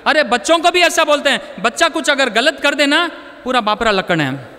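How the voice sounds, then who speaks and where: A man with a very high, bright, forceful voice tells stories from his own life to an audience in a casual, chatty way, mixing in English words. His talk carries the long reverb of a large hall. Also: big pitch swings, normal speed. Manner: conversational, anecdotal, mixes in English words. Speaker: motivational speaker.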